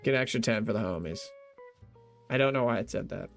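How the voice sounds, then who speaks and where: Over faint background music, a young man livestreams casually, reading his old joke notes aloud, laughing at himself and thanking viewers. His voice is fairly low, fast and marked by vocal fry.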